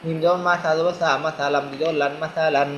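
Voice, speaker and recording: A man with a slightly higher voice leads a reading lesson and spells out syllables one by one. He repeats each sound patiently so learners can follow along. A faint hum of noise sits behind him. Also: little pitch movement, fast, fairly bright tone, muffled recording. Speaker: Quran reading teacher.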